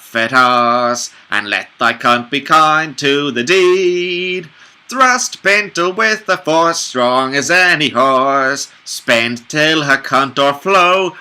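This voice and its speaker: Man as a shrill, declaiming bawdy court lady, stumbling cold read. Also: pushed and bright, full character voice. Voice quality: drawn-out, theatrical delivery. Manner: declamatory, lewdly grandiose. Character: haughty, bawdy court ladies of a Restoration farce. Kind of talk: stumbling cold read of verse play, in character.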